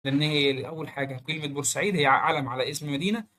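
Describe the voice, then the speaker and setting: Man, Egyptian accent, grammar teacher, very rapid delivery, slightly high voice, quick rhetorical questions. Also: pushed and bright, slight background noise. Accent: Egyptian Arabic. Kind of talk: online grammar lesson.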